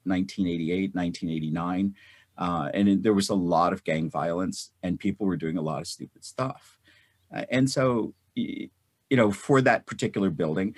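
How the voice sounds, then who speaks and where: A man in his fifties from North India, a guest telling a story in an interview, halting and repeating words, livelier when he quotes people. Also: low-pitched, slightly rough, no echo.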